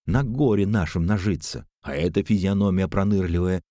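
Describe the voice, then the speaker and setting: A man's voice: sits low, normal speed, mellow, no room sound, clean studio sound, natural voice. A man voicing a blustering middle-aged male swindler who talks theatrically and throws accusations. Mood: indignant.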